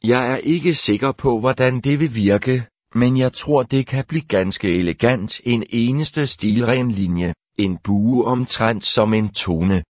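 A man's voice: medium pitch, hardly any pauses, dry recording, clean studio sound, natural voice. A man reading the lines of an eccentric, brooding male survivalist who turns preachy and doom-laden. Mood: musing.

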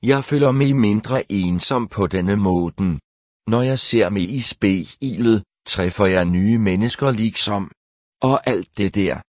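A man's voice: fairly low pitch, no echo, studio quality, lightly acted. Man reading as a grim eccentric survivalist. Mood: musing. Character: eccentric brooding male survivalist, talkative and grim.

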